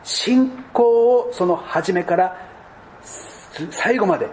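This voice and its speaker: A man preaching a sermon as pastor, speaking deliberately and dropping to soft, low tones at key points. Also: slight background noise.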